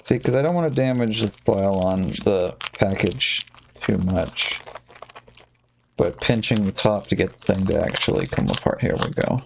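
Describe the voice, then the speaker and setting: Gravelly low-voiced man streaming a card game. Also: normal speed, background noise. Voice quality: gravelly, relaxed, hums and mutters while playing. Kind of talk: casual live-stream commentary.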